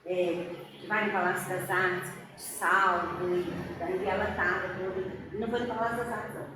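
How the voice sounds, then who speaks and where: A woman's voice: moderate pace, crowd noise. Woman w/ a chatting about her show, jumps into voices when she quotes people, sounds far off in a big echoey hall. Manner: animated, acts out quoted lines with big pitch jumps. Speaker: actress talking about her solo show. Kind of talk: casual storytelling chat.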